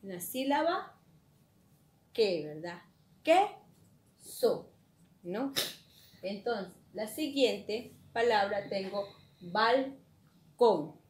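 A woman teacher giving a slow, patient classroom lesson and checking in with her students through frequent questions. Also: medium pitch, darkish tone. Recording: echoey room, faint ambience.

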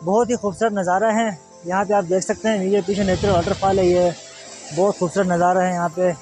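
Phone held out at arm's length, a young Pakistani vlogger talks straight to his audience in a chatty, tourist-like manner while filming beside a waterfall in the mountains. His high voice barely moves in pitch and runs a little fast, heard over music.

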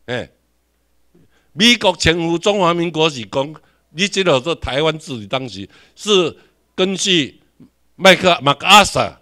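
A man's voice: medium pitch, bright, forceful tone. A man with a Taiwanese accent giving a classroom lecture, questioning the audience and repeating his points.

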